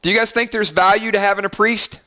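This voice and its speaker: A man with a high, sharp voice and fairly even intonation talks fast while hosting a casual fan live stream. He chats and reads viewer comments aloud in an upbeat, rambling way, full of fillers and restarts.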